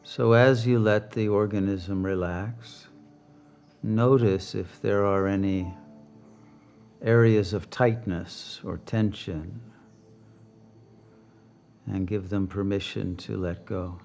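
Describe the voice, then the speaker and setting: A man leading a guided meditation as a teacher, speaking calmly and deliberately with long pauses. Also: on the low side, vocal fry, soft background music.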